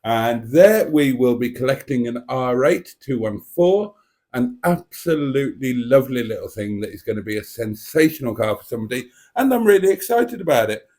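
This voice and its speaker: A man's voice: medium pitch, a little mellow. Male livestream host, casual and chatty, playful, theatrical, effusive with his audience. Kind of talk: casual chat to live viewers.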